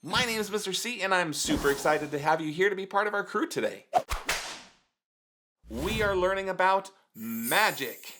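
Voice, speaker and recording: A man in his thirties hosting a children's science show with an excitable, theatrical manner, like a kids' party magician. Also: high voice, normal speed, noisy background. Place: kitchen indoors.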